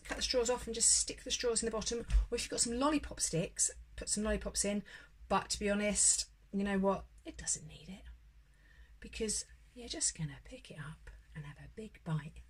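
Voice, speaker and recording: A woman's voice: fairly high pitch, a bit bright, slight background noise. A woman presenting a casual home baking tutorial, chatting and encouraging as she works through each step. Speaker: home baker demonstrating a recipe.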